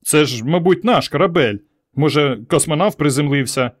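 A man's voice: fairly high pitch, normal speed, voice pushed up, lightly acted. A man voicing a boastful, know-it-all young village man who talks with cocky self-assurance.

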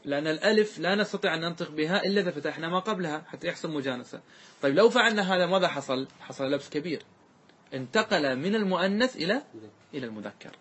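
A sheikh, a man, teaches classical grammar in a slightly high, husky voice. He walks through each rule step by step and keeps checking that his listeners are following. When he recites example words, he draws them out slowly. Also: fairly bright tone. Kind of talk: classical Arabic grammar lesson.

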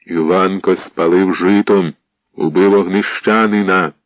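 Storybook role: a cold medieval prince read by a man in a very deep, clipped voice. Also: fairly even intonation, unhurried, no echo. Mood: stern. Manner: curt, dry commands. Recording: dull lo-fi audiobook recording.

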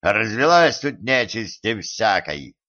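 A man's voice: lowish voice, very animated, slow, pushed and bright, exaggerated voice. Guy doing a cranky magister, grumbly and fed up, dull muffled sound. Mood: grumpy. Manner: grumbling, exasperated. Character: irritable male magister, quick to anger. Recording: muffled lo-fi recording.

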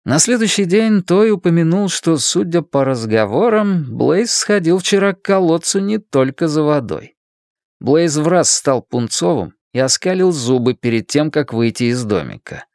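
A man narrating an audiobook in a measured, expressive storytelling manner. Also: a little high, dry recording, clean studio sound. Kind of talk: scripted narration.

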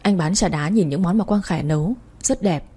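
A woman narrating a story in an even, steady read-aloud manner. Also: lowish voice, a little fast, slightly rough.

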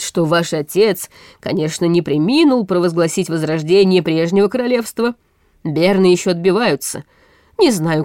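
A woman's voice: fairly low pitch, a little mellow, dry recording, studio quality, lightly acted. A woman reading a storybook audiobook, voicing a weary, anxious older male chancellor who speaks in a gloomy, hesitant way.

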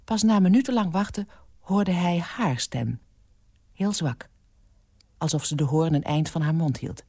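A woman reading a story aloud for radio in a calm, measured narration, close to a studio mic. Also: fairly low pitch, husky, no echo. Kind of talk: scripted narration.

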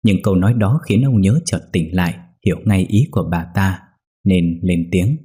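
Low husky man narrating a ghost story. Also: moderate pace, warm tone.

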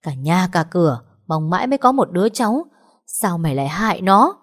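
A woman's voice: fairly low pitch, very animated, brisk. A woman voicing a stern older father who scolds his daughter harshly. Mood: furious. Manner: scolding, yelling.

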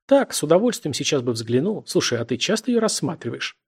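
A sly, insinuating young man who teases and prods his friend with mocking questions, as a male narrator puts him on. The voice sits raised above the reader's own and keeps a gravelly, husky grain. An audiobook figure full of needling insinuation. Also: fairly high pitch, sing-song, fairly quick, pitched above the performer's own voice, heavily acted. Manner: mocking, insinuating, laughs a lot.

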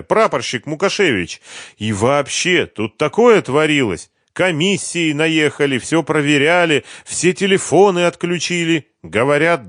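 A man reading an audiobook, voicing an excited gossiping woman neighbor on the phone. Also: low-pitched, dry recording, studio quality, voice pushed up.

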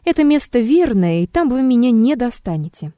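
A woman reading a calm, aloof man. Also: fairly high pitch, a little fast, dry recording, pitched above the performer's own voice. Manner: calm and dry.

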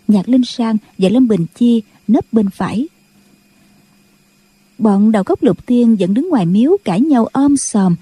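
Husky woman narrating an audiobook. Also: mid-range voice, no echo. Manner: steady storytelling. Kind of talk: scripted novel narration.

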